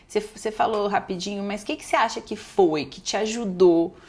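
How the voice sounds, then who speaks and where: A woman's voice: medium pitch, fairly quick. A woman with a Brazilian Portuguese accent hosting a casual podcast conversation, asking questions in an affirming way. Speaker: podcast host.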